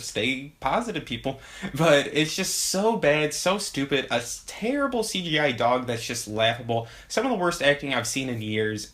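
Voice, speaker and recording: A man's voice: on the high side, fairly bright tone. A young man giving a casual video movie review, sarcastic and laughing while he talks.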